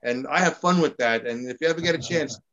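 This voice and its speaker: A man chatting casually, rambling and halting as he tells a story. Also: fairly high pitch, a bit bright, lo-fi sound. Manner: rambling, halting with fillers and repeats. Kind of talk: casual chat.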